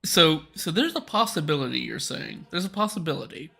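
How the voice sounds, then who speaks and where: A man streaming a game live, chatting excitedly and stumbling over repeated words. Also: on the high side, a little fast, gravelly, breathy edge. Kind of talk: casual chat.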